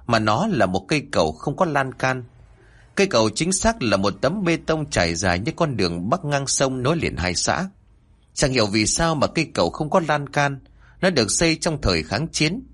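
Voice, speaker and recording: A man narrating a ghost story in an expressive, dramatic storytelling manner. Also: mid-range voice, normal speed, husky. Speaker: horror storyteller.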